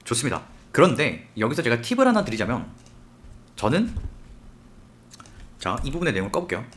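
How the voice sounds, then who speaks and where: A man teaching a software tutorial step by step, often asking the viewer questions as he works. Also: medium pitch, huge pitch swings, brisk. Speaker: software instructor. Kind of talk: screen-recorded tutorial.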